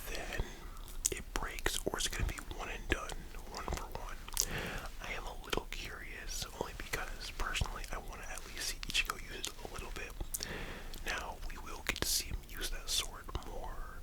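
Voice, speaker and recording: A host talking in a soft, unvoiced library whisper, in a casual, rambling ASMR style that sounds like thinking aloud. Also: low-quality recording. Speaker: host of an anime and manga discussion.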